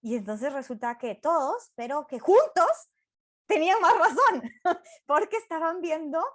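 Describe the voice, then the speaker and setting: Woman, high voice, animated storyteller, casual chat on a video call. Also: a little slow. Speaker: teacher in a discussion group. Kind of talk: casual online discussion.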